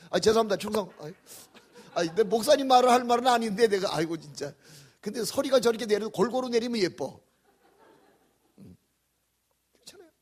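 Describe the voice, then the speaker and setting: Gravelly, husky older preacher. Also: male voice, high voice. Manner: folksy, joking, shifts from loud to whispered. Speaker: pastor. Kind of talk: revival sermon.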